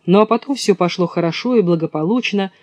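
A man narrating a children's storybook in a lively storytelling manner. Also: sits high, fast talker, no room sound, dull audio. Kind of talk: storybook reading.

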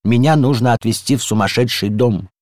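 A man's voice: mid-range voice, a little fast, a little mellow, dry recording, clean studio sound, pitched above the performer's own voice, natural voice. A man voicing a timid, gloomy male padlock in a storybook reading, meek and easily bewildered.

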